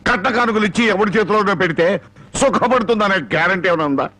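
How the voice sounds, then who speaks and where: An actor playing a ruthless, wealthy village patriarch who talks in a domineering, threatening way, in a film scene with music. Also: male voice, sits high, fast, bright, forceful tone. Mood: scornful. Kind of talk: Telugu film drama.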